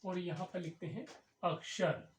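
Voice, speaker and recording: A woman teaching a Hindi grammar lesson, explaining slowly and repeating key words as she writes. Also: on the low side, slight background noise. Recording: echoey room.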